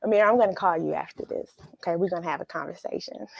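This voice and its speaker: A woman with a fairly low, gravelly voice talks fast as she hosts a children's read-along from home, chatting casually and expressively with young viewers after the story and musing aloud. The recording sounds dry and lo-fi.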